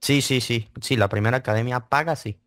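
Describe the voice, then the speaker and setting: Here the Venezuelan interview guest from Mérida, a trading student, talks a little fast in a mid-range voice. He still answers casually and hesitantly, repeating words, and the clean studio recording has no room sound.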